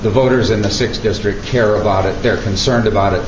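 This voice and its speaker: A man running for office, answering reporters in an earnest, measured, halting way. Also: fairly low pitch, fairly even intonation. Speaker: political candidate. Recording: echoey, muffled, noisy room.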